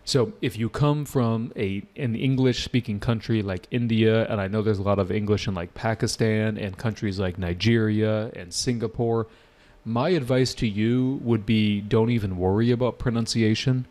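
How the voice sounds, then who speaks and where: A man's voice: lowish voice, fairly even intonation, moderate pace, darkish tone. A man teaching an IELTS class live online, casual and often checking with his students. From United States. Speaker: IELTS tutor.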